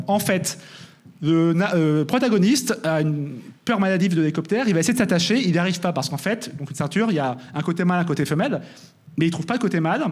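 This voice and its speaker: A young man giving a lively conference talk, often checking in with "d'accord?". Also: high voice. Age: young adult. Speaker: conference speaker.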